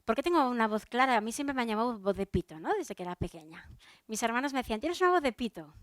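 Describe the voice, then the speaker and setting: A Spanish woman, a soprano, gives a lively talk on stage into a microphone, her voice a little high. She talks straight to the audience in a chatty way, stopping and restarting her sentences. The sound is close and dry, with no room echo. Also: fast talker. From Spain. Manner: chatty, addresses the audience directly, many fillers and restarts. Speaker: soprano giving a public talk.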